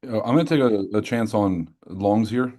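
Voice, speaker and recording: A man with a fairly low voice gives casual live commentary as a trader on a stream. He is informal and often sounds like he is muttering to himself. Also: normal speed, warm tone. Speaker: livestreaming trader.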